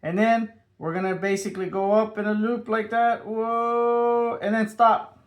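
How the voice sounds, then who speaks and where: A man with a high, light voice walks children through a drawing lesson one step at a time. He keeps things upbeat and sing-song, tossing in little whooshes and boops as he sketches. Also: steady tone, moderate pace. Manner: upbeat, sing-song, adds playful sound effects.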